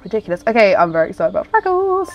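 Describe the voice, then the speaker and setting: Congested, lively woman with a pinched-nose sound. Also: mid-range voice, very fast, muffled recording, soft background music. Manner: chatty, rambling, self-interrupting. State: congested with a cold. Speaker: gaming video host. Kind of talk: casual chatty game commentary.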